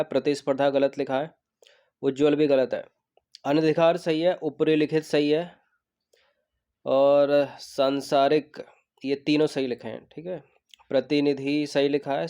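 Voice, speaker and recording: An exam coaching teacher with a mellow, fairly high voice explains a Hindi spelling test. He drills the correct spellings by repeating each word slowly, checking in with students and asking them questions.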